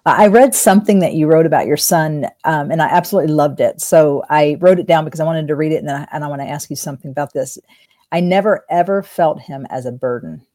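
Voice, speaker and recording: A woman hosting a faith-based interview, asking gentle questions and softly affirming her guest. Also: deep voice, quick pace, hardly any pauses, no room sound, studio quality. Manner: gentle, affirming, frequent soft backchannels. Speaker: host and interviewer.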